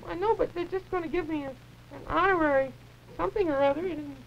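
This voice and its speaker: A man voicing a gentle, sensible small male puppet on a 1950s live TV puppet show, patient and mildly exasperated. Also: very high voice, fast talker, gravelly. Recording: dull early-1950s TV audio, faint hiss.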